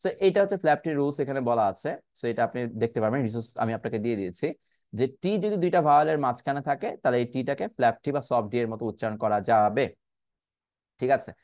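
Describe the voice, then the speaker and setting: A man's voice: mid-range voice, expressive, a little mellow, no echo. A man with a Bangladeshi accent leads a pronunciation class, stretching out words and saying them again and again so learners can copy them. He often checks whether everyone is following. The recording is dry and close, with no room sound. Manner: repeats words slowly, stretching sounds to demonstrate; asks checking questions, mixes English into his talk. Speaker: English pronunciation teacher. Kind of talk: online pronunciation lesson.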